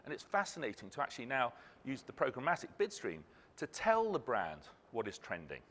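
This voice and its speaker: A man's voice: medium pitch, huge pitch swings, a little fast, fairly bright tone. A man giving a conference presentation, speaking with emphatic phrasing and posing rhetorical questions. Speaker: ad technology company speaker. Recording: reverberant hall.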